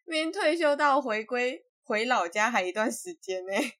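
A woman's voice: on the high side, expressive, normal speed, fairly bright tone, no room sound. Easygoing young Taiwanese woman, dry sound. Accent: Taiwanese Mandarin. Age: 20s. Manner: easygoing, agreeable, short interjections. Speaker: podcast co-host. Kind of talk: casual chat.

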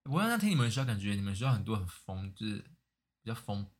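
A young woman, co-hosting a podcast and reacting with quick questions in casual chat. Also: extremely low pitch, big pitch swings. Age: young adult. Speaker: podcast co-host.

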